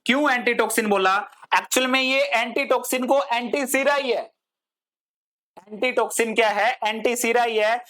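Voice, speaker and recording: A woman's voice: a little high, normal speed, a bit bright. A woman teaching a pharmacy lecture, mixing Hindi and English, asking the class questions and answering them herself, stretching out technical terms. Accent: Hindi-English code-switching. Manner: drawls long technical terms word by word.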